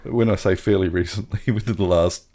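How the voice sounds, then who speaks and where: A man co-hosting a podcast in casual chat, halting with restarts and chuckles. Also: low voice, steady tone, dark tone. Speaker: podcast co-host.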